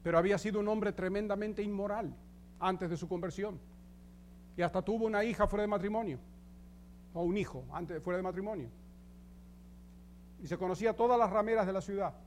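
A male pastor giving an emphatic sermon in a high, bright voice. He addresses the congregation directly with questions, and a faint hum lingers in the background. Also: brisk, pauses often.

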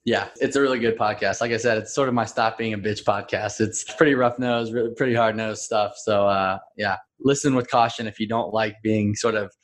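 Low-voiced easygoing man, podcast guest. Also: steady tone, brisk, few pauses, a little hiss or hum. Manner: easygoing, laughs between points. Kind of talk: casual chat.

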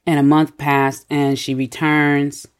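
A podcast co-host in a casual book discussion, retelling the story in an animated way with many fillers and frequent laughter. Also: medium pitch, takes it slowly, smooth. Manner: laughs often while retelling.

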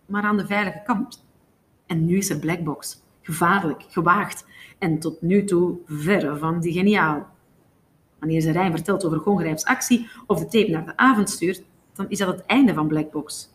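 A woman reads a novel aloud in a steady, even narrating voice. Her pitch sits on the low side for a woman, and she keeps an unhurried storyteller's line throughout. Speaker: audiobook reader.

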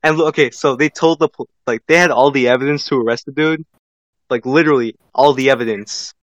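A man's voice: mid-range voice, quick pace, no room sound. Man, casual podcast chat, rambling storyteller, says "like" a lot, muffled lo-fi audio. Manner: rambling, full of "like" and "bro". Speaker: podcast co-host. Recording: dry, dull lo-fi sound.

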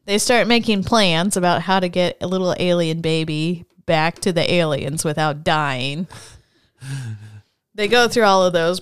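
A woman's voice: on the low side, clear, resonant tone, no room sound, studio quality. A woman co-hosting a podcast, retelling a movie's plot in casual chat with playful quoted voices and frequent laughter. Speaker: podcast co-host.

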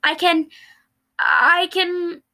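A woman's voice: very high voice, flat delivery, extremely slow, pushed and bright, pitched above the performer's own voice, heavily acted. A woman voicing a manic, morbid young man who blurts out gory jokes while reading fan fiction aloud. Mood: eager.

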